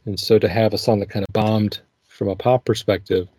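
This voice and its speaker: A man's voice: lowish voice, brisk, husky, dry recording. A man co-hosting a music podcast, chatting casually and thinking aloud. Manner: relaxed, thinking aloud with fillers and laughs. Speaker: podcast co-host.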